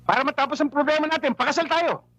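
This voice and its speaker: An actor playing a gruff, blunt man who courts a woman and suddenly proposes to her. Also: very high voice, fairly bright tone, no room sound, muffled recording. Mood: gruff, loud. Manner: gruff, blunt, quick to raise his voice. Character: gruff working man, gentlemanly but rough. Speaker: Delphine, a blunt suitor. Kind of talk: film drama acting.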